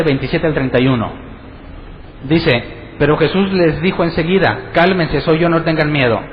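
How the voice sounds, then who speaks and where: A man's voice: a little high, slight background noise. A man preaching a conversational Bible study sermon, asking his congregation questions as he goes. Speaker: pastor. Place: church hall. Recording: echoey hall, dull lo-fi sound.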